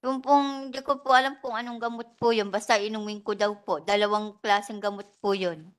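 A woman testifying as a witness at a hearing, answering softly and politely in short replies. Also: medium pitch, fairly even intonation, fairly quick, smooth. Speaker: witness, domestic worker. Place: legislative hearing room.

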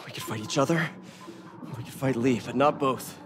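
An actor playing a young, wisecracking but earnest American superhero in a video game. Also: male voice, medium pitch, moderate pace, background noise, close to an everyday voice. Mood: urgent, reasoning.

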